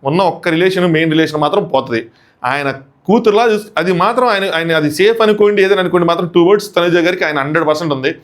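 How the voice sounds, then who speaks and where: A man reviews a reality show episode in quick, chatty commentary. His voice sits a little high for a man. He keeps it lively and slips into the contestants' voices as he retells their lines. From India.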